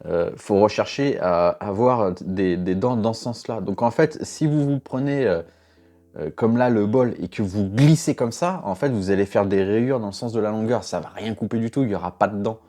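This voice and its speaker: Low mellow-voiced man reacting bluntly. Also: normal speed. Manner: blunt, exasperated, swears and laughs often. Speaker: knife sharpener. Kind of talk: casual reaction commentary.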